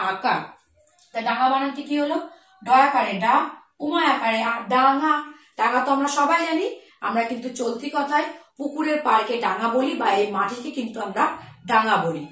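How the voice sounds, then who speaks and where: A woman teaching young children, spelling out each word slowly and explaining it. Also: on the high side, a bit bright, recorded from a distance. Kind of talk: children's Bengali spelling lesson. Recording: echoey room, voice off-mic.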